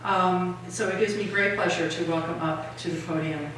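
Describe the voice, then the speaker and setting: A woman's voice: lowish voice, fairly even intonation, moderate pace, fairly bright tone, a little hiss or hum. A woman host reading a prepared introduction of a guest speaker, with small fillers, in an art gallery. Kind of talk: read introduction. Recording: echoey gallery from far off.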